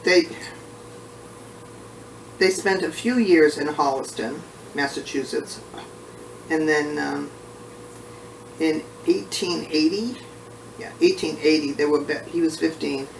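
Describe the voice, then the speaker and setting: Man, short of breath, creaky voice, halting pauses, casual oral history, distant mic, faint noise. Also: on the high side, fairly even intonation, reverberant. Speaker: family history researcher being interviewed.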